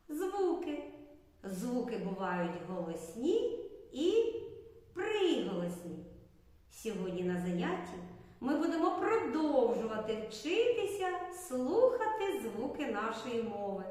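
A woman's voice: on the high side, breathy edge. A woman kindergarten teacher from Ukraine giving a recorded lesson to preschoolers, speaking to them directly. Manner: slow, sing-song, addresses children directly.

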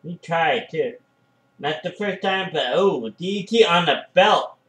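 A man casually commenting on a match as a fan, excitable and full of fillers, with sudden loud exclamations. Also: on the high side, a little slow, echoey room, rough recording.

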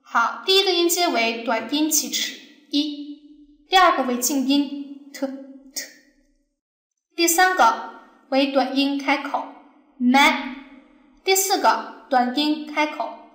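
High-voiced woman teaching in an echoey room. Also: slow pace, pauses often, fairly bright tone. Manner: patient, explains step by step, asks the class questions. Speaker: Arabic teacher. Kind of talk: recorded language lesson.

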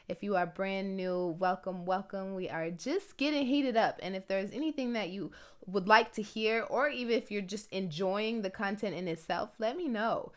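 A young woman hosts a motivational podcast in an earnest, encouraging manner. She is pregnant and audibly a little short of breath, and she slows down to lean on her key phrases. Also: medium pitch. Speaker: podcast host.

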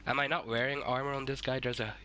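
A sick, hoarse man giving swearing, excitable let's-play commentary and shouting at the game. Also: mid-range voice, fast talker, noisy background. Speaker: gaming YouTuber.

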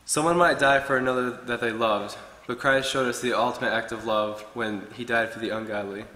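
A man's voice: mid-range voice, steady tone, brisk, pushed and bright. A young man preaching a short sermon from a pulpit, earnestly reading from his notes. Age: young adult. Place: church hall with wood-paneled walls. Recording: echoey hall with long reverb.

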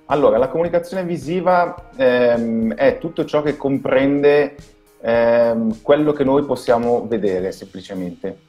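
A man with an Italian accent, a guest designer, explaining things in a halting way that repeats words over a video call. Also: mid-range voice, a little mellow, highs cut off, faint music behind. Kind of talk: casual video call interview.

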